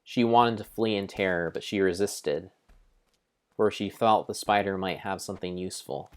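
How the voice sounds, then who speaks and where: With a low-sitting voice, a man improvises a dramatic narration of a game as if reading an adventure storybook, drawing out his phrasing deliberately.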